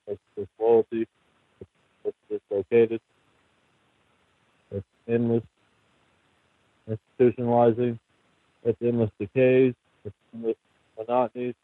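A man calling in on a phone line that fades in and out, reading a poem in a flat, repetitive list-like way. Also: mid-range voice, no room sound. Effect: phone voice fading in and out. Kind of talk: poetry reading on a call-in show. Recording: tinny phone line, fading in and out.

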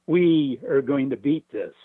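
A man's voice: mid-range voice, lively intonation, a little slow, no echo. A man calling in over the phone, reading a poem and speaking in an earnest, hopeful way. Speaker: caller reading poetry. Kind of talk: slow earnest reading and chat. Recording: tinny phone line.

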